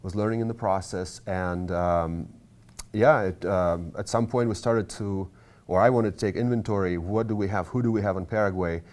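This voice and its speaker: Measured low-voiced man from Russia. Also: a little mellow. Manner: measured, precise answers. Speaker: university language instructor, studio guest. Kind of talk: local TV interview.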